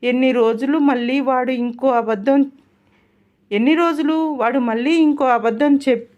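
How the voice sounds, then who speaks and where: A woman's voice: sits high, steady tone, moderate pace, darkish tone, highs cut off, lightly acted. A woman reading a storybook voices an angry, jealous young man who talks sharply and sarcastically.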